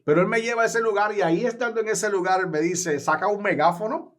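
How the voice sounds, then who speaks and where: A man's voice: high-pitched, fast. A man, a guest evangelist telling his personal testimony in an earnest, emphatic way.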